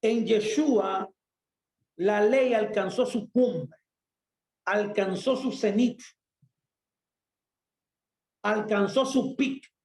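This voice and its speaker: A man preaching a sermon with a rather high voice that rings through an echoey room. He speaks emphatically and often asks himself questions that he then answers. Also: drawn-out words, long pauses, darkish tone.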